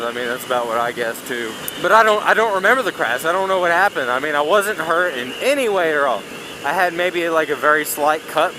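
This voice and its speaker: Engine and road noise sit clearly around a man talking inside a motorcycle helmet. His voice is on the high side for a male. He rambles casually and bluntly, swearing freely like a rider vlogging on the move. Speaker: motovlogger. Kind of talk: casual rambling vlog chat while riding. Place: outdoors on a moving motorcycle. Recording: loud engine and wind noise. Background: engine, vehicle and road noise.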